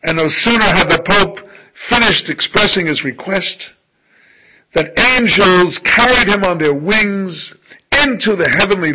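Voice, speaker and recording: A male rabbi giving a sermon in a slow, emphatic way, often letting his phrase endings fall soft. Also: high voice, background noise.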